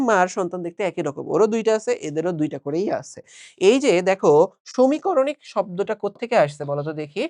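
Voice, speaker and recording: A man's voice: high-pitched, a little mellow, no echo, clean studio sound. A young man with a Bangladeshi Bengali accent giving a casual exam-prep biology lecture, chatty, asking and answering his own questions. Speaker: online biology teacher.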